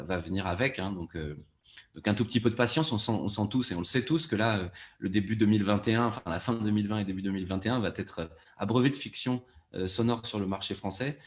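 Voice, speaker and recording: A podcast producer joins a panel discussion as a guest, speaking in a low voice. He is hesitant, repeating words while he formulates his thoughts.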